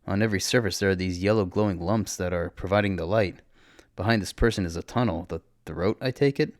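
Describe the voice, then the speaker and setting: A man narrating a story in the first person, expressive, with his voice jumping up on exclamations. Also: low-pitched, a little fast, no echo, clean studio sound.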